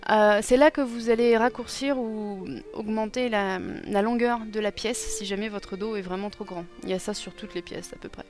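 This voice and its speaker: A young woman casually explaining a costume sewing project, hesitant and self-deprecating with many pauses and fillers. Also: mid-range voice, fairly even intonation. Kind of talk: casual tutorial narration. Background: music.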